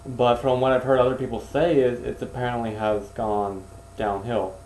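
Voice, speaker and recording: Mellow guy on a podcast, kinda hesitant, keeps restarting, echoey room. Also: mid-range voice, level tone, normal speed. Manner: hesitant, hedging and restarting sentences. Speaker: podcast co-host. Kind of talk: casual chat. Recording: echoey room with faint noise.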